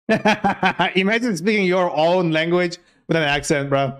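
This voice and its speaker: Coding on a livestream, a man with a Turkish accent, his native language being Turkish, talks informally and reasons aloud. His high voice is clear and resonant, with a steady tone and a slow pace.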